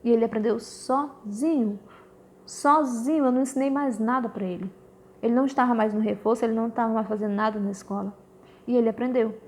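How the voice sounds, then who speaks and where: A Brazilian woman, a mother, telling her listeners an animated story about her children and often calling them "gente". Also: on the high side, fast talker. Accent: Brazilian Portuguese. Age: adult. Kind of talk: casual spoken testimony.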